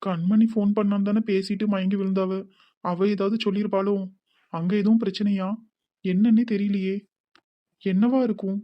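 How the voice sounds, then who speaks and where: A young woman with a Tirunelveli Tamil accent voicing an emotional, anxious young village wife in a cartoon, speaking softly. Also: mid-range voice, little pitch movement, moderate pace, pauses often, muffled recording, natural voice. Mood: worried. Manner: soft, worried, tearful. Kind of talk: animated cartoon voice acting.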